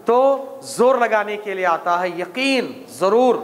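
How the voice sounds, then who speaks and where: Indian-accented guy teaching quran class, high voice, slow, faint hum behind. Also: in a large hall. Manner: slow, explaining Arabic words with repetition. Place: mosque hall.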